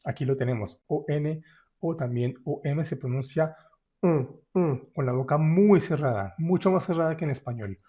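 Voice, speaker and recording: Man, French teacher, mellow voice, slow drawn-out demonstrations. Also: on the high side, husky. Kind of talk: pronunciation lesson.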